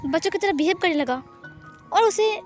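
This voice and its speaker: A woman narrating a fan fiction story, lively and acting out each character. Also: extremely high pitch, normal speed, soft background music.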